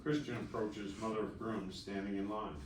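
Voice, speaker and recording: A man with a lowish, steady voice reads stage directions at a moderate pace as scripted narration during a screenplay table read. The festival read takes place in a room, and the distant mic picks up echo and faint noise.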